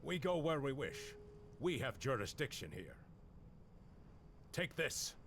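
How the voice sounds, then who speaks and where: An actor voicing a grave, middle-aged master monster hunter in a dramatic video game, speaking with measured, serious authority. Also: male voice, mid-range voice, sing-song, fairly bright tone, a little hiss or hum, heavily acted. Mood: firm, commanding. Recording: music under the voice.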